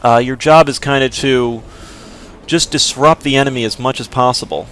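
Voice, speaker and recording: Steady and fairly bright, this mid-range male voice moves at a normal speed while he talks through a game he's playing. The commentary is casual and meandering, heavy on fillers and hedges.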